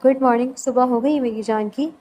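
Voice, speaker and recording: A woman reading aloud the lines of an earnest young husband in a novel, soft and reassuring. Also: sits high, steady tone, slight background noise, lightly acted, rough recording.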